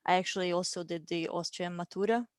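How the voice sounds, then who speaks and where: A Hungarian woman in her thirties is a guest in a casual interview, chatting in a friendly way with frequent ums and light laughs. Her voice is fairly low, smooth and steady, and she speaks fast.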